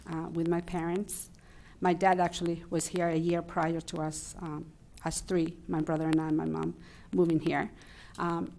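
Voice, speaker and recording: A Chilean woman whose first language is Spanish, working as a family liaison and interpreter, shares a personal story at a meeting. Her voice is lowish and a little mellow, and she speaks candidly but hesitantly, with fillers.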